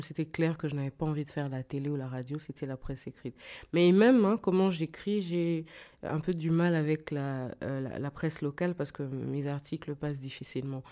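A woman's voice: low voice, a little mellow. Woman, author being interviewed, hesitant, repeats words, restarts often. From Kinshasa. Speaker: novelist and journalist guest. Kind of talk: radio interview answer.

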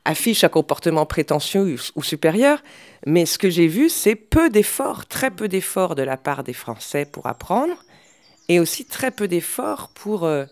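A woman's voice: fairly low pitch, darkish tone, no echo. A middle-aged woman speaking as an interview guest, in a hesitant way with frequent fillers and restarts. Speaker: guest, language specialist. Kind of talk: conversational interview.

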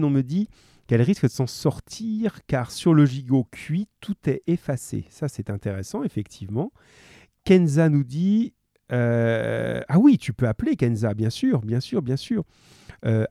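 A man's voice: medium pitch, normal speed, vocal fry, no echo, clean studio sound. A male teacher running a live radio class, encouraging students who call in and reading a story aloud. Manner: lively, encouraging, full of fillers.

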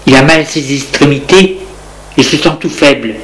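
A man reading a story aloud in short, measured phrases. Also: fairly high pitch, fairly bright tone, low-quality recording.

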